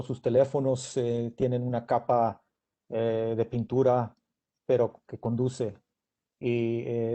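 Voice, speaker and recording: A middle-aged Mexican-American man, a native English speaker with an American accent, answering as a guest engineer at a technical talk, haltingly searching for words in Spanish. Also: mid-range voice, dark tone.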